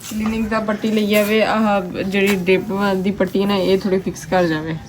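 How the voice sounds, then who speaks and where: A woman's voice: medium pitch, level tone, a little fast, rough recording. A woman with a Pakistani Punjabi accent in casual, informal chat with her family. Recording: busy background chatter behind voice.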